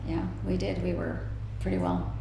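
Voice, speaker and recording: A woman's voice: low-pitched, sing-song, normal speed, vocal fry, warm tone. An older woman answering interview questions in a plain-spoken, informal way, often letting her sentences trail off. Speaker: interviewee, festa cake maker. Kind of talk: casual oral history interview. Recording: echoey room, faint background noise.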